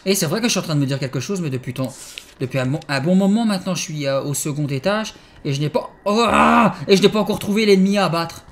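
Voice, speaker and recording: Jumpy, swearing French game host. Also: male voice, sits high, fast. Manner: excitable, swears a lot, yelps in fright then mutters. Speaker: gaming channel host. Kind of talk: horror game let's play commentary.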